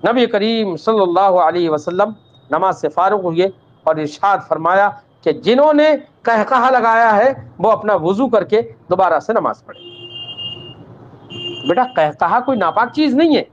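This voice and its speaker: A man's voice: high voice, expressive, slight background noise. A man teaching an Islamic law lesson. He recites Arabic text, then explains it patiently, calls the students "child" and checks that they understood. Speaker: religious teacher. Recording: dull lo-fi recording.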